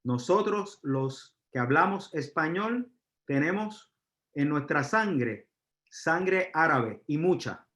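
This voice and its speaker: A man from Puerto Rico with a Puerto Rican accent, giving a live university lecture, pausing on fillers and asking the audience questions. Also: a little high, expressive, a bit bright. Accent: Puerto Rican Spanish. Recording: roomy, dull lecture recording.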